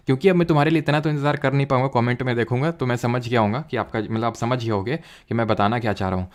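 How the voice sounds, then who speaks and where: A young male teacher gives a geography lecture at an ordinary pitch. He talks casually and asks the class quick questions. He repeats key terms over and over to drill them in.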